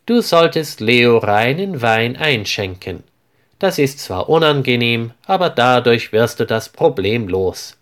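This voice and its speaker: Guy doing a kind auntie in a kids' story, calm and reassuring, takes it slow. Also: medium pitch. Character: kind sensible aunt, middle-aged woman. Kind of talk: storybook reading.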